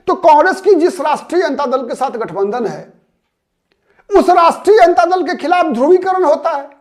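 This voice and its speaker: A man's voice: very high voice, expressive, moderate pace. A man delivers political commentary alone as host of his own show. He builds the case step by step and returns again and again to the same names and key terms. Every so often he stops to ask a rhetorical question, then answers it himself. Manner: analytical, poses rhetorical questions and answers them; repeats names and key words for emphasis. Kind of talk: solo political commentary to camera.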